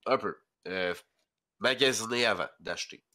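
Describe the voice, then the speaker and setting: Stuffed up with a head cold, a young rural Québécois man talks at a moderate pace in a lowish, pushed, bright voice. He is chatting casually on a podcast as a guest, wandering hesitantly through his thoughts with lots of fillers in his Québécois French accent.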